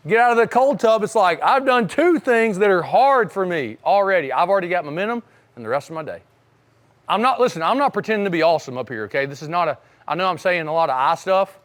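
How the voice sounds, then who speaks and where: A man's voice: fairly high pitch, fairly bright tone. A man coaching young wrestlers in a casual motivational talk, often checking in with his listeners.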